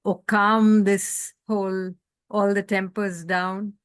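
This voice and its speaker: A woman moderating a talk, asking questions earnestly and haltingly as she searches for words. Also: medium pitch, flat delivery, smooth, no echo, studio quality. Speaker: festival moderator. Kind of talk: conversational interview questions.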